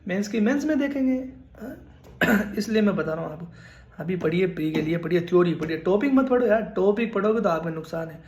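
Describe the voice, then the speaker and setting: In a casual talk to camera, a man in his twenties offers earnest advice on studying for a nursing exam, repeating his points and calling viewers "brother." His high voice has lively intonation and a darkish tone, he speaks fairly quickly, and the sound is roomy.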